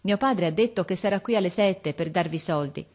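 A woman voicing a cheerful, hardworking young boy who talks in a quick, lively, chatty way in an audiobook reading. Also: lowish voice, natural voice. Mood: eager.

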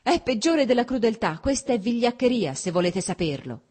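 A woman's voice: on the low side, expressive, moderate pace, darkish tone, slightly rough. A woman voicing a proud, desperate young wife, defensive and pleading. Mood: defiant.

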